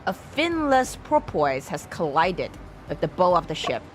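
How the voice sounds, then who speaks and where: A woman's voice: fairly low pitch, sing-song, unhurried, slight background noise. A woman streamer giving casual game commentary, reading on-screen text aloud and swearing now and then.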